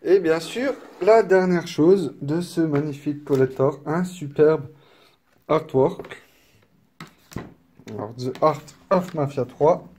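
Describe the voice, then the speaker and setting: A man casually presenting a collector's edition, chatty and apologetic, filling pauses with little interjections. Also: a little high, mellow, slight background noise. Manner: unhurried, chatty, filler-heavy with frequent "hop" and "donc"; apologetic and self-deprecating. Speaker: unboxing video creator. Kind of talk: casual unboxing commentary. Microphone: camera mic, filming one-handed.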